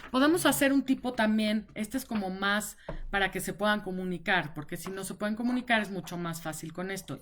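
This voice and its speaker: A woman's voice: mid-range voice, a little hiss or hum. A woman explaining visual schedules on a live stream, in a conversational way with frequent repetition and check-ins. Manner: conversational, repeats words and checks in with "ok". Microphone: device mic on a live stream.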